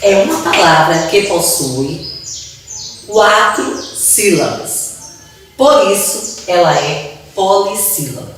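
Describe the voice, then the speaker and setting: Brazilian woman teacher, patient and slow, lively pitch, lowish voice, echoey room, distant mic. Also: slight background noise. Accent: Brazilian Portuguese. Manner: drawn-out syllables, patient repetition. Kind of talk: slow, deliberate classroom explanation. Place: classroom.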